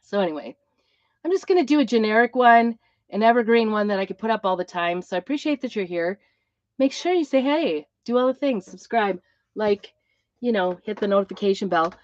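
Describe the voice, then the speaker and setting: Woman, middle-aged, sick with a cough, rambling casual livestream chat, medium pitch, boxy muffled dry sound. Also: lively intonation, brisk, no echo. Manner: chatty, rambling. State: ill with a cough and plugged ears. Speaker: craft channel host, music teacher. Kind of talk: casual chat to a live craft audience. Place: inside an Airstream trailer. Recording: dull, boxy tin-can sound, close and dry.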